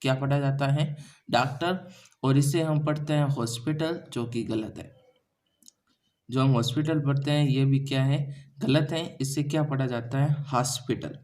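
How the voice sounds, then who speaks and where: A man teaching English in a Hindi accent, at an ordinary middle pitch. He keeps throwing questions at his students and answering them himself, like a patient classroom teacher. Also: fairly even intonation, normal speed, a little mellow. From India. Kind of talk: classroom lesson explaining grammar and pronunciation.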